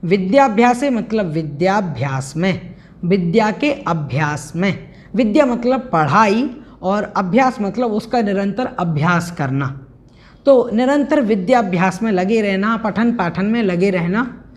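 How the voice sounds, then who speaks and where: A woman teaching an online scripture class, patiently explaining verses, chanting them slowly and drilling pronunciation. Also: mid-range voice, lively intonation.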